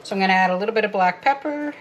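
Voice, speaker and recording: Talking very fast with an animated, mid-range voice, a giggly Canadian home cook chats with viewers while she works in her homestead cooking vlog. Faint kitchen ambience sits in the background, the highs are cut off, and a slight hiss or hum is audible.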